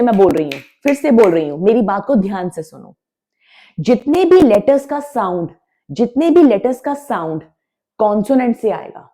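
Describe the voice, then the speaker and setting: Woman teacher, unhurried delivery, repeats each point firmly, switches between Hindi and English, drills sounds aloud for beginners. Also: medium pitch, warm tone. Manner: mixes Hindi with English words. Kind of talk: classroom-style grammar lesson.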